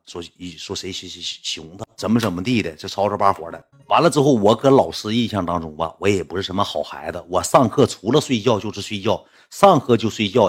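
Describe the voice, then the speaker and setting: Young man, Northeastern Chinese accent, casual storytelling, husky voice, very lively pitch. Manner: animated, voice jumps high when excited. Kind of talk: casual storytelling of school memories.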